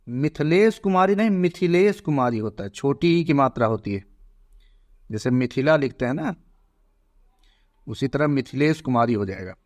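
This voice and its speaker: A man teaching an exam prep lesson, slowly spelling out words one by one. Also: on the high side.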